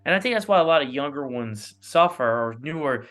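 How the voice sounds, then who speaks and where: An analog horror creator, appearing as an interview guest, talks in a casual, rambling way and often checks in with "you know." His mid-range voice is a bit bright, fairly quick and lively, over plucked guitar music.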